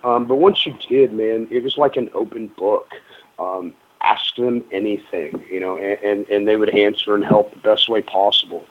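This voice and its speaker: A man's voice: on the low side, normal speed. Chatty man on a phone-thin line. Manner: rambling, many ums and restarts, chatty. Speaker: guest, pro wrestler. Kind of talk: casual radio interview storytelling. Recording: narrow phone-like radio sound.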